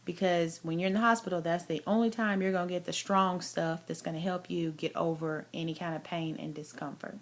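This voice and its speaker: Low-pitched, candid woman chatting. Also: fairly even intonation, fairly quick, hardly any pauses. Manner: candid, chatty, emphatic, acts out quotes. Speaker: vlogger giving a health update. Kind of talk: casual chat to camera.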